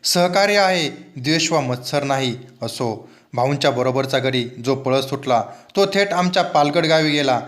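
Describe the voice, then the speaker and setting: A man reading a book aloud in an expressive storytelling manner, lifting and dropping his voice with the story. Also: mid-range voice, moderate pace. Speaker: reader.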